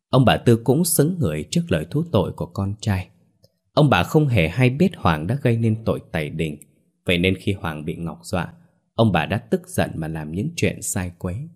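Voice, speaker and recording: A man narrating a ghost story in a steady, dramatic way. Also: sits low.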